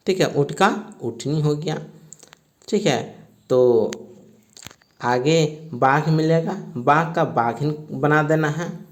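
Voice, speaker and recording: A man works through a textbook lesson at an unhurried pace. His voice sits a little high, and he explains each answer patiently in small steps, pausing often to check in. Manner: explains step by step, often says "ठीक है". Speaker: teacher.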